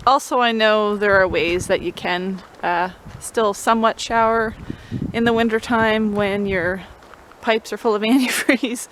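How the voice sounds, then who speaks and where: A woman speaks at an average pitch in a laid-back, informal way, like a vlogger walking viewers through a practical task. She chats casually to the camera. Clear ambient noise sits behind her voice. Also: a bit bright. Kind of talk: casual how-to chat to camera.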